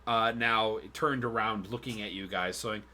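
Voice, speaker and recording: A man's voice: lowish voice, fairly even intonation, moderate pace, heavy background noise. A man narrating as game master of a streamed tabletop game, rambling with fillers and restarts. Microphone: streaming mic.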